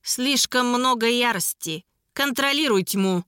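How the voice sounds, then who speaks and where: Woman playing a cool, mocking dark emissary. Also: mid-range voice, moderate pace, no room sound, studio quality, close to an everyday voice. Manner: mocking, mentoring tone. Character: ironic, cool-headed male emissary of darkness.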